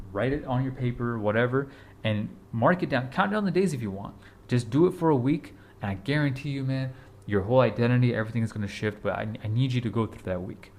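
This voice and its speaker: A fitness vlogger in his 20s gives a casual motivational talk to camera, urgent, blunt and repetitive, with some offhand swearing. His voice is medium-pitched with a darkish tone.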